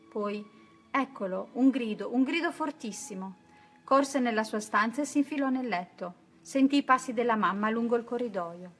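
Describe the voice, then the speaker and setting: Female storybook narrator, slightly high voice, clear and expressive. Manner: expressive, even-paced storytelling. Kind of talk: children's story read-aloud.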